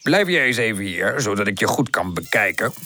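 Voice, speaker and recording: A man's voice: very animated, fairly quick, pushed and bright. A man doing a scatterbrained old professor fern. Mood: absorbed. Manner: lower, fussy, professorial. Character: absent-minded old fern professor, fussy and wise.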